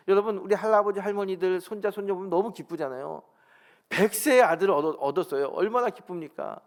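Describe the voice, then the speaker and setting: A man in middle age preaches from the pulpit with a fairly high voice. He tells the story in an animated way, puts on quoted speech and keeps turning to the congregation with questions. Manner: storytelling, acts out God's words in lively quoted speech; addresses congregation directly with rhetorical questions. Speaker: senior pastor. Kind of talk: Sunday sermon. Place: church sanctuary.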